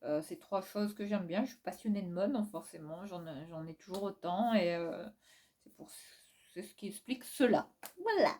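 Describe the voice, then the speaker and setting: A woman's voice: on the low side, moderate pace, a little mellow. A woman with a Réunionese accent, casually answering viewer questions in a vlog, frank and teasing, laughing often as she talks. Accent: Réunionese French.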